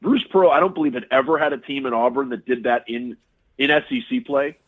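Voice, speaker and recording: A radio sports broadcaster appears as a guest, offering casual analysis in a mid-range voice. He talks quickly and repeats words as he thinks, and the audio comes through a tinny phone line.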